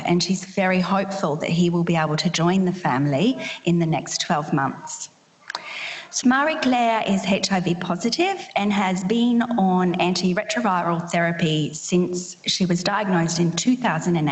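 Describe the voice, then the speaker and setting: A woman facilitator presenting a clinical case study to an audience in a large hall, explaining in a measured way. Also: on the low side. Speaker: session facilitator. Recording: reverberant hall.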